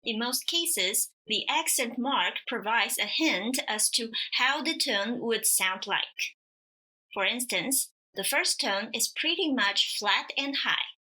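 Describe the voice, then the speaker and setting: Woman, language teacher, slow and careful, bright, slightly high voice. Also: animated. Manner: slow, careful, demonstrative delivery. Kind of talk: scripted pronunciation lesson.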